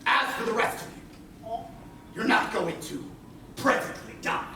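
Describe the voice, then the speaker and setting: An actor playing a ruthless one-handed pirate captain with a threatening, commanding manner, on a live stage. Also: male voice, high-pitched, lively intonation, measured pace, pushed and bright, full character voice. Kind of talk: stage play acting. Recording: echoey stage recorded from far off, with noise.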